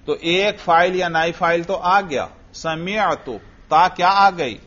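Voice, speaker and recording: A man teaching a grammar class, patient and coaxing. He quizzes his student and echoes each answer back. His voice sits a little high, and the lo-fi recording sounds dull. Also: a bit bright, slight background noise.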